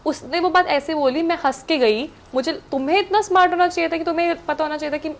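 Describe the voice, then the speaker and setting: A young woman talks as a guest on a chat show, telling her stories with lots of animation. Her voice sits high, and she slips English phrases into her speech and often laughs. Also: quick pace. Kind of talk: casual storytelling chat.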